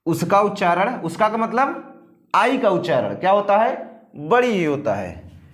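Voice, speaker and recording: A man's voice: sits high, very animated, a bit bright, roomy sound. A man teaching English pronunciation, spelling words out letter by letter and asking and answering his own questions. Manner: slow, drawn-out dictation of rules to copy down. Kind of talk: classroom-style lesson.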